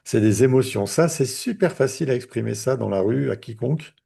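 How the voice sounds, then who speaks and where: A male therapist teaches a live online lesson conversationally, full of fillers and restarts. His mid-range voice is expressive and brisk, with a creaky, slightly rough, dark tone, heard through video call audio.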